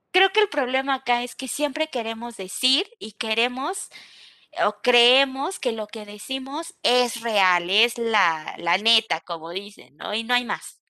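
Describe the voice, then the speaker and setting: A young adult woman with a Mexican accent teaching an online class in a lively, chatty way, often checking in with her listeners. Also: a little high, no echo.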